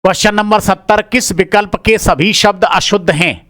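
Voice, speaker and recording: A man's voice: high voice, steady tone, moderate pace, fairly bright tone, no echo, studio quality. A male teacher working through an exam answer key, reading each word aloud and repeating it as he checks whether it is right or wrong. He talks informally and calls the listeners "brother".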